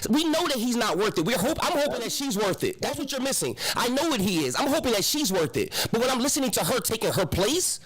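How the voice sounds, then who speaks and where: A man's voice: very high-pitched, very animated, fast talker, few pauses, a bit bright, husky, poor audio. A man hosting a live show, arguing politics heatedly and repeating himself to hold the floor.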